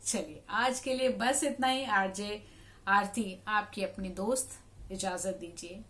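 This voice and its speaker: A woman who works as a radio jockey, talking to camera in a measured, advisory way and repeating phrases for emphasis. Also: medium pitch, fairly bright tone. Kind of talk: instructive talk to camera.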